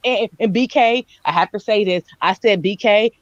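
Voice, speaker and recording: An excitable woman chatting on a movie review podcast. Her voice comes through muffled and lo-fi. The sound is dry and close, with no room around it. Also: medium pitch, normal speed, no room sound. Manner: excitable, acts out scenes with squealing quoted voices. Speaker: podcast co-host. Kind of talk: casual movie review chat.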